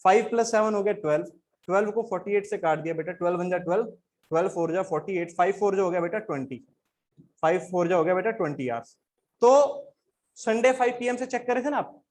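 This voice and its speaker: A man's voice: high-pitched, a little mellow. A man teaching a lesson in a coaxing manner, asking questions and answering them himself on words. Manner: coaxing, repeats questions and answers, calls listeners beta. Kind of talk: classroom lesson.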